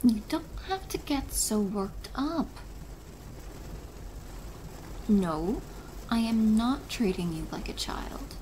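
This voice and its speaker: A woman playing a possessive, doting and controlling stepmother in an ASMR role-play drama, chiding in a deliberate, motherly way. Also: fairly high pitch, big pitch swings. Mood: scolding, coaxing. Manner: slow, deliberate, softly chiding, maternal. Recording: noisy rain ambience behind voice. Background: rain.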